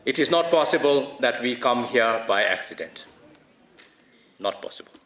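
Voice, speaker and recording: A man's voice: medium pitch, expressive, normal speed, fairly bright tone. Man giving an earnest welcome speech, echoey. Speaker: conference host. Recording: echoey conference hall.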